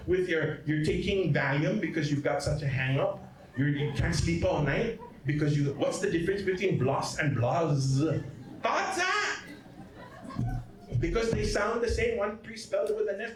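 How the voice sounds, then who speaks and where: A fairly high-voiced man lecturing as a priest, joking and wandering off into asides while he keeps asking his listeners "okay?" and "right?". He is heard from a distance in an echoey hall. A faint hum of noise sits under his voice. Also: expressive, normal speed, soft background music. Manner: jokey, digressive, checks in with "Okay?" and "right?". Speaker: priest giving a genealogy talk. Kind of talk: lecture presentation. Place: hall at a symposium.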